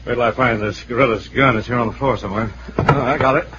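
A man's voice: mid-range voice, fairly even intonation, fast talker, close to an everyday voice. Wisecracking radio newspaperman American man acting. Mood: breezy, businesslike. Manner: breezy, clipped wisecracks. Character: cool wisecracking crusading newspaperman hero. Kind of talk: old-time radio drama acting. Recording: dull, noisy vintage radio recording.

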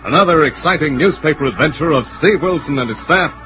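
A man's voice: a little high, expressive, brisk. Old-time radio announcer, American man, vintage sound. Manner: emphatic, formal salesman delivery. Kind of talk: old-time 1940s-50s radio announcing, scripted sponsor and closing narration. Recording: dull vintage radio recording, music behind. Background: music.

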